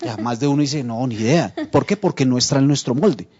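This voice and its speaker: Guy teacher explaining stuff calmly, dull muffled call sound. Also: mid-range voice, fast, slightly rough. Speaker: guest teacher. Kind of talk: explaining in an online class.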